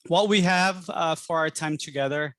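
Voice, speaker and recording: A man's voice: a little high, normal speed, fairly bright tone, no echo. Chatty man hosting a webinar. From Brazil. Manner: chatty, friendly, frequent ums. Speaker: admissions director hosting an info session. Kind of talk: webinar presentation. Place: home pottery studio. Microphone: video call.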